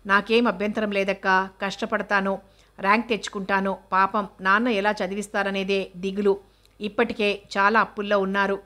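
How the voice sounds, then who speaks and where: A gentle teenage student who worries about her father's debts, as a woman reads her part. She talks softly and mildly, in an even voice with little melody. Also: medium pitch, brisk, lightly acted. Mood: worried.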